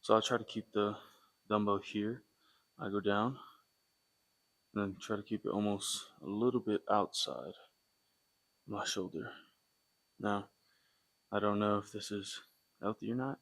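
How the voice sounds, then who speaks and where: Husky, even-toned man coaching a workout. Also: on the low side, measured pace, pauses often. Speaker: fitness vlogger demonstrating exercises. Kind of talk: casual workout instruction. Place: gym. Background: faint music.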